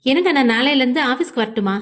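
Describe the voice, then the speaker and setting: A woman voices a caring young wife in an audio novel, full of questions. Her voice sits a little high and soft. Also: expressive, racing.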